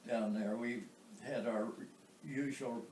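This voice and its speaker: An American man in his nineties, an old veteran remembering his past in an interview, haltingly, with pauses and throat clearing. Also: medium pitch, fairly even intonation, a little mellow. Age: 90s. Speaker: war veteran being interviewed. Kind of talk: oral history interview, recounting memories. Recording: roomy, distant microphone, some background noise.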